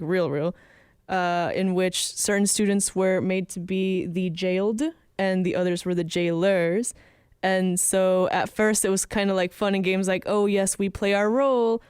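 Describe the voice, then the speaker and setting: A woman's voice: medium pitch, fairly even intonation, moderate pace, a little mellow, clean tone, dry recording, studio quality. A woman guest on a podcast, talking in a slangy, laid-back casual way. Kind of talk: casual chat.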